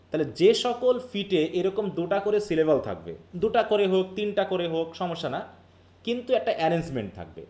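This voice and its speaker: A man from Bangladesh teaches a live online class in a high, lively voice. He explains each point step by step, slips English terms into his talk and keeps asking his students questions.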